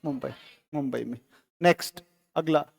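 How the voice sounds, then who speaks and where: High-voiced teacher quizzing a class. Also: male voice, vocal fry. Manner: quizzing students with quick questions and answers; casual, joking with the class. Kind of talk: live classroom lecture.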